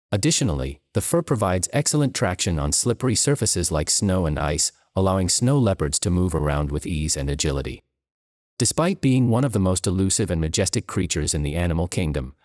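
Deep-voiced man narrating a nature documentary. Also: darkish tone, no echo, studio quality.

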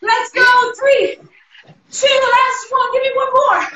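A woman with an Irish accent leading a live workout class over a video call, energetic, counting down reps and cheering people on. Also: extremely high pitch, slow, echoey room, poor audio. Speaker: fitness instructor.

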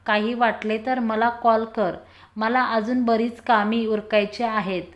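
Woman doing a cheeky young guy, mocks and scolds, storybook style, voice sits a bit high. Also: flat delivery, a little slow, lightly acted. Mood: scolding. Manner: playful mocking then scolding. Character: bold teasing young man, quick-witted protector.

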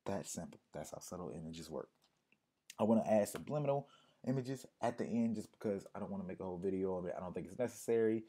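A man with a low, mellow voice who is losing it a little, talking casually straight to his viewers. He explains things in a relaxed way and circles back to repeat his main points. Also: fast talker, slightly rough. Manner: conversational, repeats key points for emphasis. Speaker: music marketing consultant.

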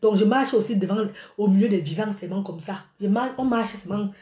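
A middle-aged Cameroonian woman rants animatedly to her followers on a live stream, holding her phone at arm's length in a small room by a curtain. She exclaims and gestures a lot, with a mid-range voice and brisk delivery in a reverberant space.

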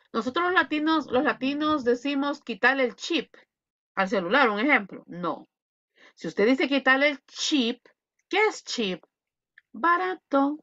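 A woman English teacher giving an online pronunciation class, slowly drilling and repeating words over a video call. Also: sits high, pushed and bright, no room sound, dull audio.

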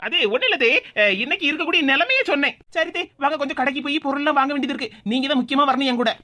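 A woman's voice: high-pitched, pushed and bright. A woman voicing a sarcastic young daughter-in-law. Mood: teasing. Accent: Tirunelveli Tamil. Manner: quick, sarcastic retorts. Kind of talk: cartoon voice acting.

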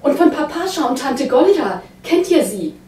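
A woman's voice: medium pitch, lively intonation, normal speed, darkish tone, natural voice. A woman reading a naive young innkeeper's wife. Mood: eager naive. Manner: earnest, childlike questioning. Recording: roomy hall, voice from a distance.

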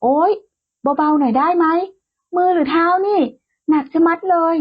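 A woman's voice: high-pitched, normal speed, voice pushed up, lightly acted. A woman voicing a teasing young rancher boss. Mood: yelping in pain. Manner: grumbling and cajoling. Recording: tinny phone-like sound.

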